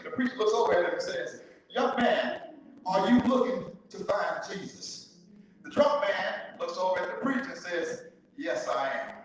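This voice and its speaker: A man from the southern United States preaching a sermon in a church, telling stories and leading call and response. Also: sits high. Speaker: pastor. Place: church sanctuary. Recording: echoey church hall from far off.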